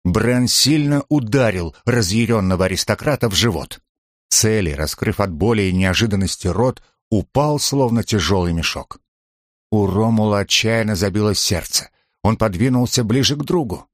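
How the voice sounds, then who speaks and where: A man reading the narration of an audiobook in a steady, dramatic storytelling manner. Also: on the low side, moderate pace, no echo, studio quality. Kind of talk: scripted narration.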